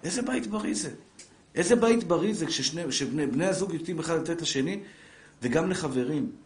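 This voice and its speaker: A middle-aged man giving a live religious lesson, lively and joking, speaking straight to his listeners and acting out family scenes. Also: on the high side. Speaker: Torah teacher. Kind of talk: live Torah lesson to an audience. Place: class room with a live audience. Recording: echoey room.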